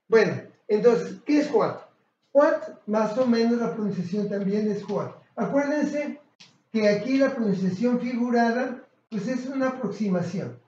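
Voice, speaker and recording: A man teaching a language lesson, explaining slowly and deliberately, pausing and correcting himself mid-sentence. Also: high voice, a little mellow, a little hiss or hum. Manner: slow, deliberate, with pauses and self-corrections. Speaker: English teacher. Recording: echoey, dull lo-fi room sound.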